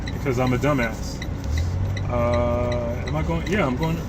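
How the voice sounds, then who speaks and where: Rambling thirty-something trucker over road noise. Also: male voice, medium pitch, a little slow. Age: 30s. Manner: rambling, joking, swears freely, many fillers and restarts. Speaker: truck driver and vlogger. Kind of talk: casual rambling monologue while driving. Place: inside a moving truck cab in traffic. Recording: loud road and engine noise in truck cab.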